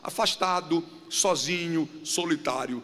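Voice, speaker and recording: A man's voice: fairly high pitch, unhurried, a bit bright, long reverb tail. A man preaching a sermon as pastor, repeating phrases with drama and acting out little dialogues. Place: church.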